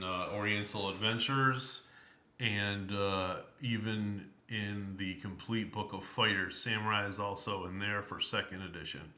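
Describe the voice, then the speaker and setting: A man giving a relaxed spoken review of an old tabletop game book, slow and rambling, full of ums and uhs. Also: fairly low pitch, reverberant, slight background noise. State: tired, yawning.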